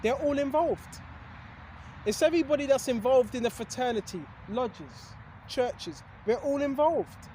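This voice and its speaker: Very high yet dark in tone, his voice is expressive and measured, with a faint hiss or hum underneath. He's a religious video host giving a loose, casual sermon to his audience, and his hiccups interrupt now and then. His preaching is packed with rhetorical questions and a recurring "right?"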